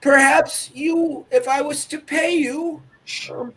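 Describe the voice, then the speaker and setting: A man voicing a kindly old halfling woman baker in a high, quavering old-lady voice, sweet and fretful. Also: fairly even intonation, slow pace, a bit bright, far from the mic, exaggerated voice, poor audio. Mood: pleading. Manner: sweet, fretful, calls people dearie.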